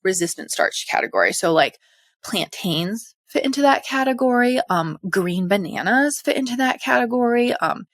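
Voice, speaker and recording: A young woman in casual educational talk, chatty and animated, a little out of breath, as a hormone health coach. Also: fairly high pitch, normal speed, no echo. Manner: chatty, animated, full of fillers. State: slightly out of breath.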